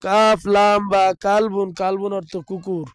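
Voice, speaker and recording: A man, teaching an online Arabic pronunciation lesson, slowly drawing out letter sounds and chanting rules like a drill. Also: sits high, fairly even intonation, smooth, no room sound. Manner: slow, drawn-out demonstration of letter sounds; recites lists in a chanting, drilled way. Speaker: madrasa teacher.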